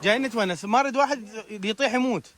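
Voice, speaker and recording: A young man with an Iraqi Arabic accent vlogging an outdoor trip, excited and anxious, calling out warnings to friends. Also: very high-pitched, racing, a crowd in the background. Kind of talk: outdoor adventure vlog. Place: outdoors by a waterfall.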